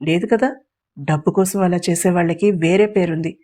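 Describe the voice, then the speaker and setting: A cocky young prince who teases and mocks his elders with cool confidence, as a woman narrator puts him on. His voice is mellow and warm, only slightly raised from the narrator's own. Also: fairly low pitch, moderate pace, natural voice. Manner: teasing and sarcastic.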